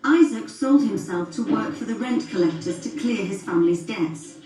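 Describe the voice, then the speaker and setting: A woman giving calm, measured scripted narration for a documentary. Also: medium pitch, very echoey, far from the mic, music in the background, low-quality recording.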